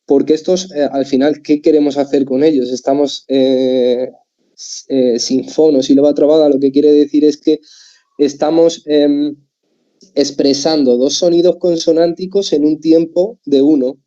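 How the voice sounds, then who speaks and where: Spanish man, speech therapist, low mellow voice, explains patiently and checks in with listeners, muffled lo-fi sound. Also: level tone, unhurried. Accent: Spain Spanish. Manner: explanatory, often checks in with a tag question. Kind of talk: talk for parents. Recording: dull muffled lo-fi audio.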